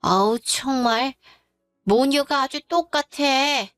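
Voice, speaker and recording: A woman's voice: high voice, takes it slowly, fairly bright tone, dry recording, studio quality, soft background music. A woman voicing a rude, scornful middle-aged mother-in-law who talks in a blunt, dismissive way in a dramatized story.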